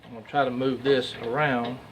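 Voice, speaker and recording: A man's voice: mid-range voice, level tone, a little fast. A man with a Southern US accent giving a casual, plain-spoken, hands-on workshop tutorial as a craftsman. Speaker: craftsman demonstrating duck call making. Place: workshop at a lathe. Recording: loud machinery and workshop noise.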